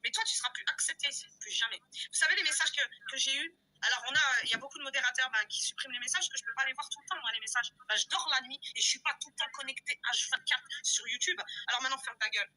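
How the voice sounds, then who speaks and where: A woman hosting a live stream, ranting loudly and confrontationally, hurling insults and repeating herself for emphasis. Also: high voice, quick pace, low-quality recording. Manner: loud-mouthed, insulting, confrontational; repetitive, emphatic, addresses viewers directly. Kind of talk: heated live-stream rant.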